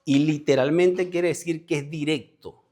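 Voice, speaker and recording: A man's voice: fairly high pitch, fairly even intonation, normal speed, darkish tone. A man leading a Bible study before a congregation, explaining word meanings step by step and repeating key words for emphasis. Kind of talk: conversational Bible teaching. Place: church meeting with a congregation present.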